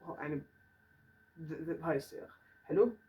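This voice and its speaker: A man with an Iraqi Arabic accent teaching an English grammar lesson in a classroom, saying the English examples slowly and carefully. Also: on the high side, dull audio. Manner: says English example sentences slowly and deliberately. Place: classroom with a whiteboard. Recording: voice from far off the mic.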